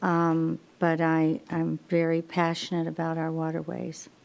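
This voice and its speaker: A woman's voice: low-pitched, monotone, a little slow, creaky, a little mellow. An older woman from Florida, a committee member, introducing herself at a meeting in a confident, matter-of-fact way.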